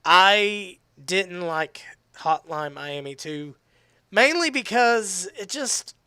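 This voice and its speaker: A man chatting casually on a game live stream, rambling with restarts and fillers, his voice tiring and going hoarse. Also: high voice, lively intonation, takes it slowly, sharp tone, dry recording, studio quality. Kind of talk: casual live-stream chat while gaming.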